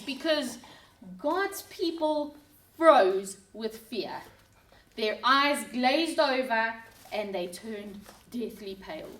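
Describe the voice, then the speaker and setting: A woman reading a Bible story aloud to children, dramatic and expressive. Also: high-pitched. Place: church room. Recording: roomy sound from a distant mic.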